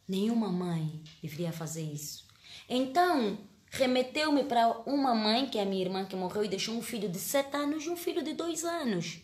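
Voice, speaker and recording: A woman's voice: fairly high pitch, roomy sound. A woman, an actress telling a story in a casual live-stream chat, earnest and emotional, often restarting her words. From Angola.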